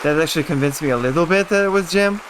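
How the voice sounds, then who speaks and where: A man's voice: on the high side, fast, a crowd in the background, noisy background. A man co-hosting a podcast, chatting offhandedly with jokes and swearing. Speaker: podcast co-host. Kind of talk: casual chat, live translating a clip.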